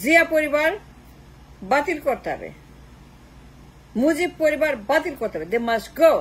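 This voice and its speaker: Emphatic high-voiced woman. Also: lively intonation, measured pace, low-quality recording. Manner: emphatic, repetitive, mixes Bengali and English. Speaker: political commentator. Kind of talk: political monologue.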